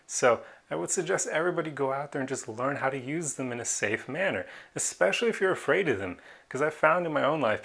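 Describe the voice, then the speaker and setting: A man with a gravelly edge to his mid-pitched voice talks straight to the camera in a casual vlog. He is earnest and opinionated and breaks into a short laugh now and then. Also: sharp tone. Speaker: vlogger.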